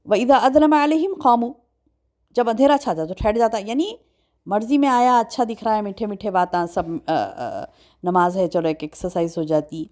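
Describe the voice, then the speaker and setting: A woman teacher giving a religious lecture. She recites Arabic verses, explains them line by line and keeps asking her class questions. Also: mid-range voice. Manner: animated, acts out quotes. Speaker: Quran teacher.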